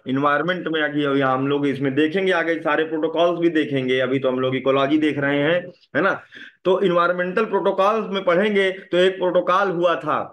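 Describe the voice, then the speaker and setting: A man lecturing a class in a fairly high voice. He keeps checking in with his students, firing questions at them and tagging his sentences with a quick "right?". His voice sits a little above most men's. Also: a bit bright. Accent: Hindi. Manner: asks the class questions and repeats "है ना" often. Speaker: teacher.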